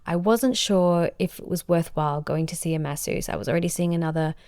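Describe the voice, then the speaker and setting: A woman's voice: lowish voice, brisk, a little mellow, clean tone, no echo, clean studio sound. A woman, a business coach hosting a solo podcast. She talks in an upbeat, emphatic way and stacks words into lists. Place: sitting on a bed.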